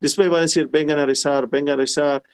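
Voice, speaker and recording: Middle-aged man teaching a class, slightly high voice, patient and repetitive. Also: fairly even intonation, clear, resonant tone. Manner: explains slowly and repeats phrases, quotes Arabic formulas. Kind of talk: online class lecture.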